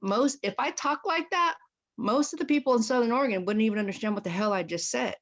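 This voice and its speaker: A woman's voice: mid-range voice, quick pace. A woman speaking as a panelist on a video call, talking candidly and acting out quoted exchanges. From United States. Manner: expressive, acts out quoted exchanges. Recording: muffled video call audio.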